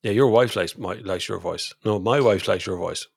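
A man co-hosting a motoring podcast, jokey and animated in casual chat and quick to laugh. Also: fairly low pitch, creaky, husky, no echo, studio quality. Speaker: podcast co-host, motoring journalist.

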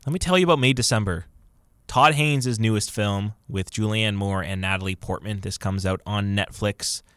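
Casting note: male podcast co-host with a lowish voice, upbeat news rundown, dry close sound. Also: normal speed, a bit bright, clear, resonant tone, no room sound. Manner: upbeat, reads news items off a list. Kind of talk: casual movie news chat.

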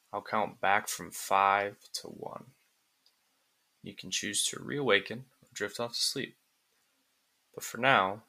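A man narrating a guided relaxation script like a sleep story, in calm, soothing, deliberate phrases with pauses. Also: fairly low pitch, gravelly.

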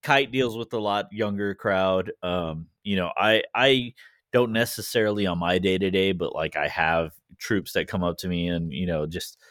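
A man's voice: deep voice, normal speed, a bit bright, dry recording, studio quality. A man co-hosting a podcast, talking in blunt, profane, joking casual chat. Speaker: podcast co-host.

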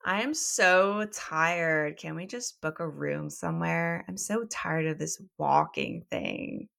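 Woman doing a whiny worn-out young mary, low gravelly voice. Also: slow, fairly bright tone, full character voice. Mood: weary complaint. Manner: complaining, huffy.

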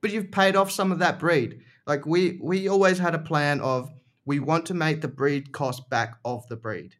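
A male podcast guest with a slightly high voice. He talks casually and explains things in an informal way, often repeating short phrases to press a point. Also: normal speed, fairly bright tone. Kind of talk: casual chat.

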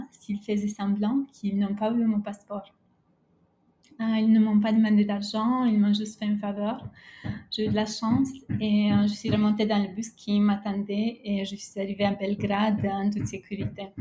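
A woman speaking as a podcast guest, telling a prepared personal travel story in a careful, halting way with frequent hesitations. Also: mid-range voice, warm tone.

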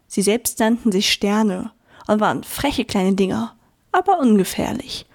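A woman reading a children's story aloud in a soft, gentle manner, now and then speaking directly to the listener. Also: on the high side.

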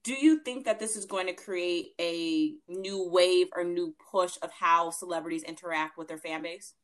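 A woman's voice: fairly low pitch, moderate pace. A woman hosting a casual interview in an informal, chatty, conversational way. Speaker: interviewer, host.

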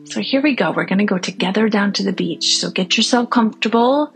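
Gentle woman guiding meditation over soft guitar. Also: mid-range voice, brisk, creaky, rough recording. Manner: gentle, reassuring, addressing listeners directly. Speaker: guided meditation host. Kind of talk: guided meditation for families and children.

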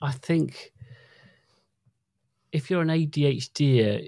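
Middle-aged man, co-host, relaxed chatty delivery, mellow tone, dry close sound. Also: a little high, slow, gravelly, no echo. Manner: chatty, easygoing, with stumbles and restarts. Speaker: podcast co-host. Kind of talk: casual chat.

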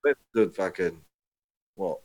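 Casting: male podcast co-host, broad Kiwi accent, lowish voice, slangy and blokey anecdote-teller. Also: expressive, slow pace, darkish tone, dull audio. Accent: broad New Zealand. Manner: blokey, slangy, sweary storytelling. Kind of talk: casual anecdote-telling on a podcast.

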